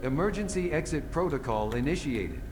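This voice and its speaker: An actor voicing a glitching automated male system announcer in a video game, with a mechanical, halting delivery. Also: fairly high pitch, animated, over music. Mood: malfunctioning. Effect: glitching robotic voice.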